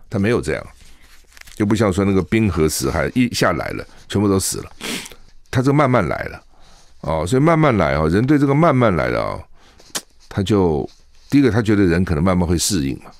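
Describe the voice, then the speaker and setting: Here a deep, darkish male voice with no echo belongs to a radio talk show host. Alone at a studio mic, he delivers chatty, emphatic commentary on current affairs, leaning heavily on rhetorical questions.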